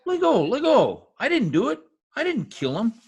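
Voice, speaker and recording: A performer in a 1940s-style radio comedy-mystery gives a full character voice to Piggy, a shady, wisecracking lowlife gangland informant who talks in streetwise slang with bad grammar. He sounds rattled and protesting, at medium pitch with huge pitch swings and normal speed. The home recording, made over a video call, sounds husky.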